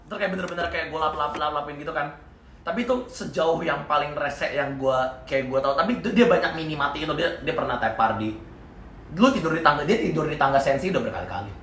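A young man telling a story as a podcast co-host, casual and slangy, acting out quotes with sudden loud bursts. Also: fairly high pitch, quick pace. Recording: echoey room, faint noise.

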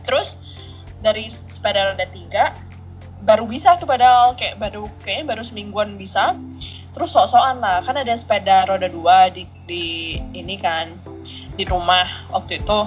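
A woman in her thirties telling a childhood story as a podcast co-host, animated and laughing often. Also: mid-range voice, normal speed, muffled recording, soft background music. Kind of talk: casual storytelling chat.

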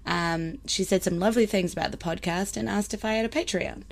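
A woman's voice: medium pitch, fairly quick, vocal fry. A woman with a broad New Zealand accent chatting casually and colloquially as a podcast host. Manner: colloquial, with Kiwi slang and Māori phrases.

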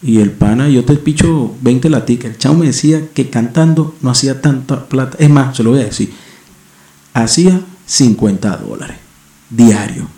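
A man's voice: mid-range voice, moderate pace, dark tone, echoey room. A man from Venezuela with a Venezuelan accent, rambling slangily with profanity and restarts in a casual monologue as a podcast host on a home microphone. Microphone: home microphone setup.

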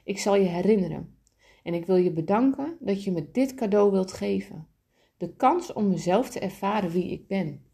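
A woman voicing a small, innocent soul who asks excited, pleading questions. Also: mid-range voice, moderate pace, vocal fry, slightly rough. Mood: eager.

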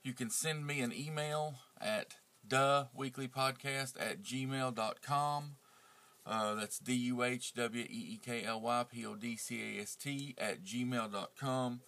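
A man's voice: mid-range voice, a little slow, sharp tone. A man hosting a true crime podcast, talking casually and rambling with many fillers and restarts. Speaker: podcast host. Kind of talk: casual podcast outro chat.

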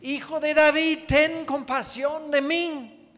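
A man voicing a desperate blind beggar who cries out loudly and pleads. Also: high-pitched, animated, drawn-out words, long reverb tail, full character voice. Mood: pleading shout. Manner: shouting, pleading.

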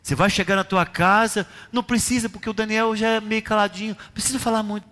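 A man preaching with a very high, bright, forceful voice that keeps rising into shouts. His words ring out with a long reverb, as in a large church hall. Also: level tone, fast. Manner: impassioned, often shouting and rising in pitch. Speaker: pastor. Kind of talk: sermon. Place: church sanctuary.

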